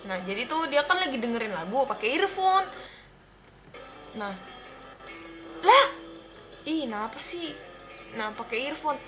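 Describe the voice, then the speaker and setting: A young woman from the Jakarta area telling a rambling story while playing a game, often breaking off to react loudly to what happens on screen. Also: fairly high pitch. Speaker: gameplay commentator. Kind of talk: casual gameplay commentary and storytelling.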